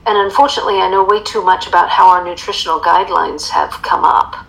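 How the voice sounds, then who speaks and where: A woman's voice: lowish voice, fast talker, creaky, a bit bright, poor audio. An American woman in casual chat, explaining with emphasis and tossing in rhetorical questions. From United States.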